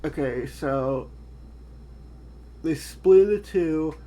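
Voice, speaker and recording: A woman's voice: sits low, slow pace, dark tone. A young adult woman streaming a first-time webcomic reading, talking casually and puzzling things out aloud. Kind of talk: live-stream reading reaction.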